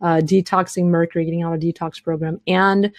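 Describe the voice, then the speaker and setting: Tired and losing her voice, a woman answers listener questions at length on a live health webinar. She speaks quickly in long, run-on responses crowded with fillers, in a fairly low pitch and a level tone. The recording is dry.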